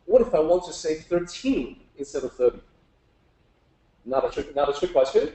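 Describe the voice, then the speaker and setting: A man with a fairly high, sing-song, dark-toned voice talks at normal speed in a roomy, echoing space. He's a teacher giving an informal public lecture on Chinese characters, explaining patiently step by step and asking his listeners questions.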